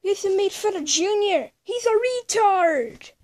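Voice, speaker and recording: A woman performing an improvised toy skit, voicing every part herself and switching quickly between characters with playful exclamations. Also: very high-pitched, lively intonation, darkish tone.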